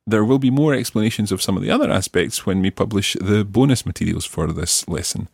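With a lowish, husky voice touched by vocal fry, a man at normal speed hosts a language lesson podcast as its teacher. He explains grammar patiently and encouragingly with lively intonation, and the studio sound is clean and echo-free.

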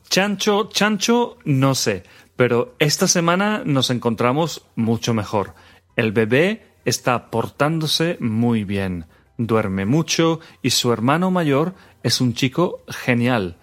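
Guy teaching phrases slow and animated, faint music under it. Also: mid-range voice. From Spain. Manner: clear, slow teaching delivery with repeated phrases. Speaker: language teacher, co-host. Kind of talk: scripted podcast language lesson.

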